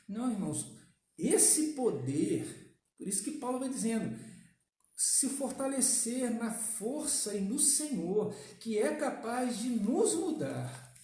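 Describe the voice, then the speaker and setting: Mellow-voiced preaching man, echoey hall. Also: sits high. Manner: emphatic preaching with rhetorical questions and frequent tag questions. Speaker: pastor. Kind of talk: sermon. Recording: echoey church from far off.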